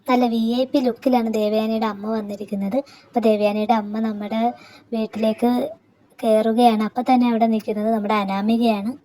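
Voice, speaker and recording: A woman's voice: fairly high pitch, flat delivery, brisk, warm tone, slight background noise. A woman casually retelling a TV serial episode in a chatty, listener-addressing way. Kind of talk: casual spoken recap.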